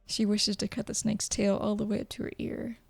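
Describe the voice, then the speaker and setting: A woman's voice: medium pitch, level tone, fairly quick, vocal fry, husky, soft background music. A woman reading a video game story aloud as dramatic narration. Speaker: gameplay commentator and narrator.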